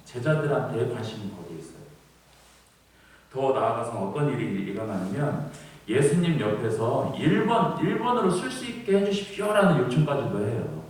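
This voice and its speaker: A man preaches in a relaxed, conversational way, putting questions to the congregation and acting out short scenes. His voice sits at an ordinary middle pitch. It rings through a very reverberant church hall, picked up from some distance away. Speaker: pastor. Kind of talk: sermon. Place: church sanctuary.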